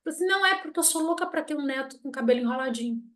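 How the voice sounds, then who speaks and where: High-voiced, blunt woman teaching. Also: rapid-fire. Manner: animated storytelling, acting out quoted people; blunt, self-mocking. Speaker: family constellation teacher. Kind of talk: casual spoken lesson.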